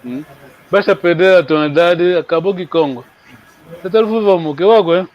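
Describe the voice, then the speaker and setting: A man's voice: high-pitched, normal speed, muffled recording. A man teaching a language in a live online lesson, chatty and coaxing, repeating words for students to practise.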